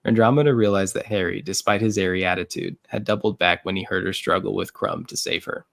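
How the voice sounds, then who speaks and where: A man narrating a fan story read-through in an even reading manner, with occasional slips. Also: deep voice, brisk, gravelly, no echo.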